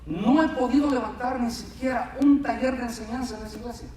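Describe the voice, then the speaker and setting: A man's voice: extremely high pitch, fairly quick. A man preaches to his congregation and tells vivid personal stories. His voice rings through a very reverberant church hall, a little far from the microphone. A faint room hum stays underneath. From Latin America. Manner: storytelling, animated, addresses listeners as brother. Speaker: pastor. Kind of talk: sermon. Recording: echoey hall mic, speaker off-mic at times.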